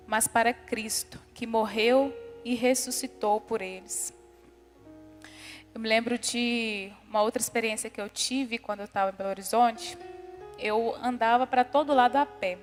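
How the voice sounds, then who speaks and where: A young Brazilian woman with a fairly high voice shares a personal testimony from the pulpit. She speaks earnestly and conversationally, stumbling and restarting now and then. Her voice rings out in a long-echoing church hall over soft instrumental music. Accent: Brazilian Portuguese. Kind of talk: sermon testimony, storytelling.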